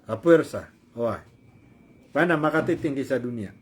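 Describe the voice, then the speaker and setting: A man giving informal news commentary, talking loosely with fillers and self-corrections, and reading English quotes slowly. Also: medium pitch, expressive, breathy edge.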